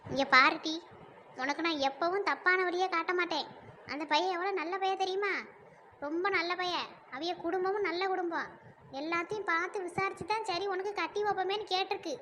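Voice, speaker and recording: A woman's voice: very high-pitched, steady tone, brisk, pushed and bright, a little hiss or hum. A woman voicing a stern, scolding village mother in a cartoon who nags and threatens her daughter. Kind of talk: cartoon dub acting.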